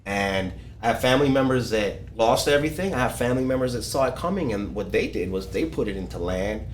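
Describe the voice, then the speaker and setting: A man's voice: medium pitch, expressive, a little fast, roomy sound. A man from Ecuador talking casually as a guest, explaining things with many fillers and restarts. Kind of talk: casual podcast conversation. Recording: faint background noise.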